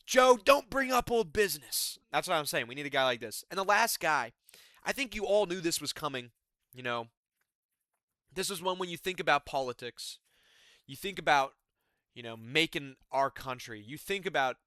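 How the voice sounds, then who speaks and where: A man's voice: on the high side, animated, moderate pace, long pauses, sharp tone, no room sound, studio quality. Rambling, self-deprecating man. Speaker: MMA YouTuber. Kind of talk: casual comedic commentary.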